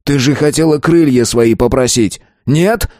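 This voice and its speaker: A man voicing an arrogant, brutal young man who talks gruffly and scornfully. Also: low voice, a little slow, a little mellow, no room sound, studio quality. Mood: furious.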